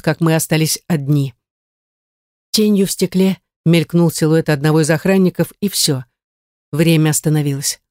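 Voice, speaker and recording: A woman narrating a novel in the first person, reading in a steady, even manner. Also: deep voice, dry recording, clean studio sound. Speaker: audiobook narrator.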